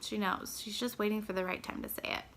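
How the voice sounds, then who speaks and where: A woman's voice: medium pitch, steady tone, fast talker, a bit bright, slight background noise. A young woman, a mother, chatting casually in a vlog, rambling with lots of filler words. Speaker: mother vlogger. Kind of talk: casual chat.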